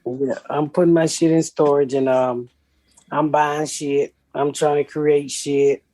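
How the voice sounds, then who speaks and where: A middle-aged woman hosts a casual comedic podcast, bluntly and profanely, laughing often. Her voice is deep for a woman and warm, delivered flatly at a measured pace.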